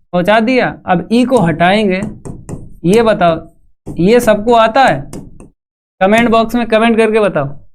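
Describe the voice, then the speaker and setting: A man's voice: high voice, slight background noise. A man teaching maths in a live online class, walking students through each step and putting questions to the chat. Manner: calls students "bhai".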